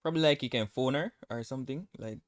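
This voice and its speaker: A man's voice: mid-range voice, fast, dry recording. Hesitant man guessing slang, very dry sound. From Jamaica. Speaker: quiz contestant. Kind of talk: casual chat.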